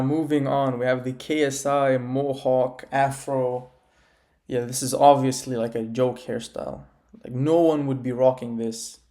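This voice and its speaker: A young man from Iraq talks through a ranking of men's haircuts in a loose, frank way, scattering "like" and "you know" through his sentences. His voice is dark and mellow, sitting at an average male pitch. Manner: casual, frank, heavy use of "like" and "you know". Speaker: men's grooming YouTuber. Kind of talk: casual tier-list commentary.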